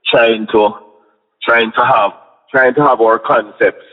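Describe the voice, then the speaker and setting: A man with a Jamaican accent speaking in Rasta manner, reasoning reflectively and with measured pauses in an interview. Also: mid-range voice, steady tone, phone-quality sound. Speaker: interview guest, Rastafari community member. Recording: band-limited radio-like sound with long reverb.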